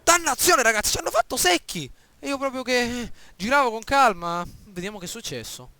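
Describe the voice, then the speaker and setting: A man doing excitable let's-play commentary, often exclaiming and addressing viewers. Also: very high-pitched, brisk, soft background music. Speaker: gameplay commentator.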